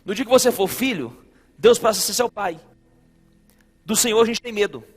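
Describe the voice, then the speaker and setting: Brazilian pastor preaching hard, kinda high voice, echoey church hall, faint music. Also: male voice, moderate pace, husky. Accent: Brazilian Portuguese. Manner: emphatic preaching, repeating phrases, addressing listeners as brother. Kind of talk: sermon.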